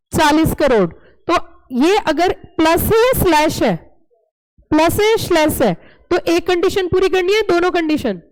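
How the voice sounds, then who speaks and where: A woman teaching a class, playful and lively, quizzing students with repeated questions. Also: very high voice, poor audio. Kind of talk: classroom lecture.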